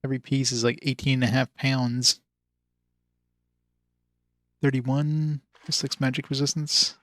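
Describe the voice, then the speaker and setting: A man's voice: medium pitch, steady tone, unhurried, fairly bright tone, no room sound. A man giving casual, offhand let's-play commentary, thinking aloud and swearing freely as he plays. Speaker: game streamer. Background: game music.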